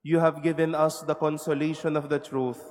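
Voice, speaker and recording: A man with a Filipino accent leading Mass as a priest, reciting prayers in a measured, solemn way, his voice carrying the echo of a cathedral. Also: fairly high pitch, flat delivery, darkish tone. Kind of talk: liturgical prayer. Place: large cathedral. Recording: long reverb in a cathedral, faint noise.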